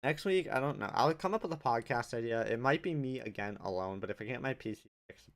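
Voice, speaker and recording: A man's voice: medium pitch, animated, fast talker, vocal fry. A young man hosting his own podcast alone, chatting casually and rambling off on tangents. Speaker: podcast host. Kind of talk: solo casual podcast chat.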